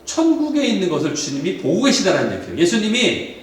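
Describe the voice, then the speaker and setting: A male pastor preaches a sermon in a high, lively voice that rises and falls as he explains and questions his listeners. He stands well back from the mic, and the church hall around him rings with heavy echo. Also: fast talker. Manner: explanatory, asks the congregation questions. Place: church sanctuary. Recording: echoey hall from far off.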